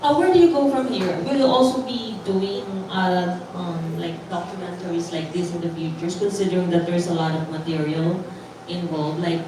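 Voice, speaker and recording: A woman journalist asks rambling questions at a press event and keeps apologizing as she goes. She is far from the microphone, so her voice echoes heavily around the room. Steady background noise sits behind her. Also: lowish voice, moderate pace. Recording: echoey room, distant mic, noisy.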